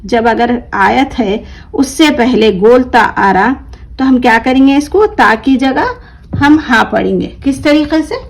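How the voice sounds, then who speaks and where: Quizzing her students during a lesson, a woman who teaches Quran reading answers her own questions and lengthens each example word she reads. Her fairly high voice has lively intonation and a measured pace, captured on a rough recording.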